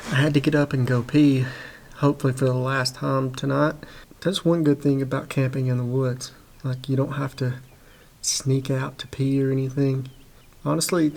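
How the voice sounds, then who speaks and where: A young man talking quietly and casually to the camera while camping inside a small shed at night, in a relaxed, rambling way. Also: medium pitch, vocal fry. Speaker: vlogger. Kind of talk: casual vlog talk to camera. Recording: faint background noise.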